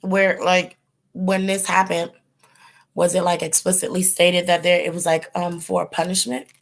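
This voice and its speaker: Losing her voice, a woman hosts a casual tarot-channel livestream, chatting with live viewers and rambling with plenty of ums and likes. Her voice sits on the low side with a level tone, a slightly slow pace and vocal fry.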